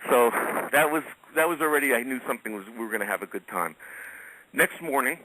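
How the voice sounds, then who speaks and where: A man's voice: mid-range voice, lively intonation, brisk, sharp tone, no room sound, rough recording. A middle-aged man telling casual anecdotes as a radio guest, chatty and chuckling often.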